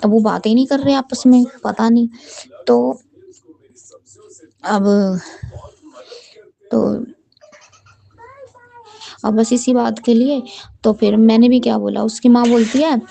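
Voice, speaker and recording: A woman from Delhi sharing a devotional testimony with the congregation, chanting mantras and speaking in halting sentences with many restarts. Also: fairly high pitch, steady tone, creaky, mellow, rough recording.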